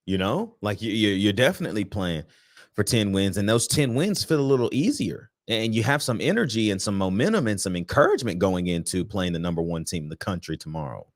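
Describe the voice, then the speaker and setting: A man with a low voice who swings his pitch widely while he talks through a game preview. He speaks like a fan, casual and slangy, stumbling and restarting as his thoughts come. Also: expressive, fairly quick. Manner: conversational, repeats and restarts, slangy. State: sleepy, yawning. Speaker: sports podcast host.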